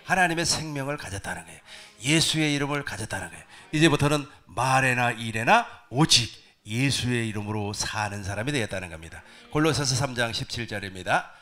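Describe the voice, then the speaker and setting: A male pastor preaching a sermon to his congregation, animated, asking them questions. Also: mid-range voice, a little fast. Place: church sanctuary.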